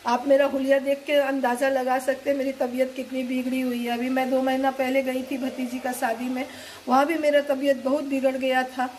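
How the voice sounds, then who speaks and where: A woman's voice: high voice, little pitch movement, brisk, a little mellow, slight background noise. A middle-aged woman vlogger with a cold and fever, chatting and telling a rambling story to her viewers as friends. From eastern India. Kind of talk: casual storytelling to camera.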